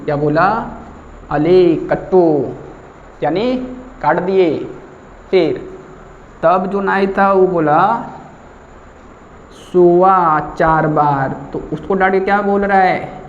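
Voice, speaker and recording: A man's voice: sits high, fairly even intonation, unhurried, pauses often. A male teacher, teaching with stories and asking and answering his own questions. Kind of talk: tutorial lesson with story mnemonics. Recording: echoey, dull lo-fi room with faint noise.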